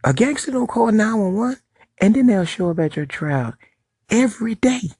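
A self-pitying boss whines in a shrill, pleading voice, as a man puts him on with a gravelly rasp. He sounds wounded and indignant, and the room is dry and close. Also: expressive, moderate pace, warm tone, no echo, full character voice. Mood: whining. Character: whiny indignant male boss playing victim.

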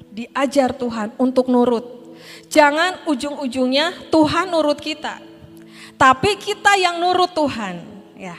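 A middle-aged woman pastor preaches in a relaxed, storytelling way, turning often to her listeners. Her voice sits high and bright. The hall gives a long reverb, and faint worship music plays underneath. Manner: conversational preaching, often addressing listeners as brothers and sisters. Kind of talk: sermon. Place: church hall.

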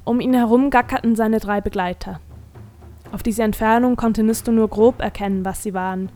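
A woman reading a fantasy story aloud as narrator, in a measured, expressive storytelling manner. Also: a little high. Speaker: audiobook narrator. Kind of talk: scripted narration.

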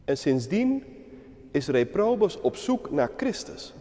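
A male preacher retells a legend in a measured storytelling sermon. His voice is high for a man, and a long reverb fills the church around him. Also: very animated, dark tone.

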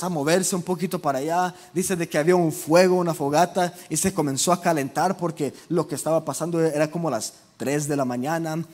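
A man's voice: high voice, darkish tone. A young man preaching a sermon in a conversational way, asking the audience questions and acting out quoted voices. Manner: conversational, asks the audience questions, many fillers.

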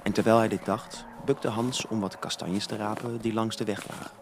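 A man narrating a children's storybook in an expressive, lively reading. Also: fairly low pitch, moderate pace, noisy background.

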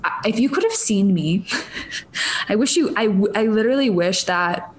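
With an expressive mid-range voice at normal speed, a Minnesota woman in her thirties delivers a casual solo podcast. Her Minnesotan-accented talk drifts stream-of-consciousness style, punctuated by laughing asides, and a little hiss or hum sits under the recording.

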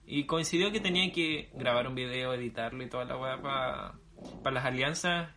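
A man's voice: medium pitch, moderate pace, pushed and bright, a little hiss or hum. A young man with a Chilean accent co-hosting a casual podcast, dropping playful slangy interjections and telling short anecdotes. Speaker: podcast co-host.

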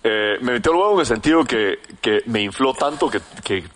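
A man's voice: medium pitch, fairly quick. Young man telling a story. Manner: animated, slangy, with many restarts. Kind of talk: casual storytelling.

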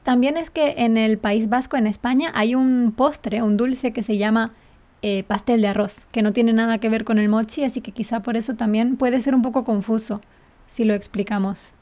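A woman's voice: on the high side, fairly even intonation, moderate pace, dark tone. A woman co-hosting a casual podcast, explaining words patiently and laughing often. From Canary Islands. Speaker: podcast co-host and Spanish teacher. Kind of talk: casual chat.

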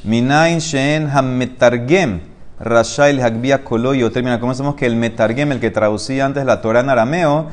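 Guy teaching talmud, even middle voice, walks through each line slow and steady. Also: mid-range voice. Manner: explains step by step, mixing Hebrew and Aramaic phrases. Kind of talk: Talmud class in Spanish.

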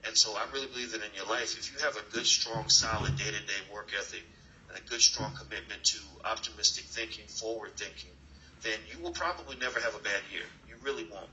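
A man's voice: lowish voice, quick pace, highs cut off, a crowd in the background. A man hosting an online class and interviewing a guest over a video call, talking earnestly with many fillers and restarts. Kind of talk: motivational talk and interview. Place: new location, dim room.

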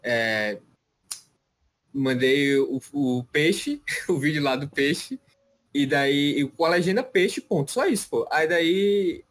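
A man's voice: on the high side, expressive, takes it slowly, a bit bright. A young man in casual chat, rambling and slangy, often stopping and restarting his sentences.

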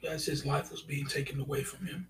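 A man hosting a solo podcast commentary, speaking deliberately and halting over his words with many fillers. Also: mid-range voice, little pitch movement, recorded from a distance, slight background noise. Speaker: podcast host.

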